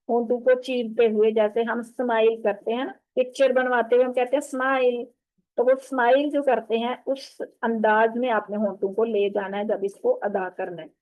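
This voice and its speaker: A woman teaching an online tajweed lesson, patiently explaining and modelling each sound with slow, drawn-out recitation over a video call. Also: fairly high pitch. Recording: tinny phone-like online call audio.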